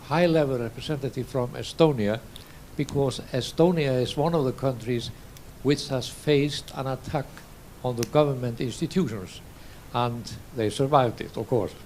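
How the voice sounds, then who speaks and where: A man's voice: medium pitch, a little mellow, slight background noise. Man from Iceland asking a question at a conference. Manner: measured, with hesitations. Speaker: association president asking a question. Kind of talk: formal question from the floor. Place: conference room.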